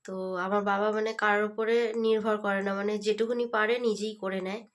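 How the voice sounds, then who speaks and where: A woman's voice: mid-range voice, flat delivery, fast talker. A young woman chatting casually to her viewers in a daily home vlog, filming herself with a handheld phone. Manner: chatty, addresses viewers as friends; speaks softly so passers-by won't stare. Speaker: vlogger. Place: family home in a semi-rural village. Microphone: handheld phone camera.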